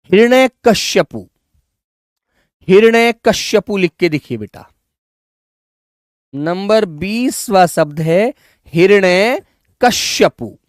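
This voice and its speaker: A man with a fairly high voice teaches an online language class, recorded dry and close. He calls his students "child", repeats each word slowly, and keeps nudging them along. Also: no echo. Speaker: Hindi teacher.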